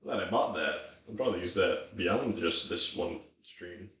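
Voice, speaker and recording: A man's voice: sits low, moderate pace, a bit bright. A man chatting casually and thinking aloud as he streams, with some swearing. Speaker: streamer cooking on a livestream. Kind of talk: casual rambling chat to self and viewers. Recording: echoey room sound.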